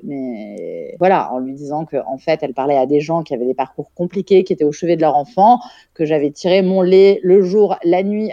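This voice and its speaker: Frank woman with a low, dark voice. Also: dry recording, lo-fi sound. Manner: frank, swears, many fillers. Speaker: podcast guest. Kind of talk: casual interview storytelling.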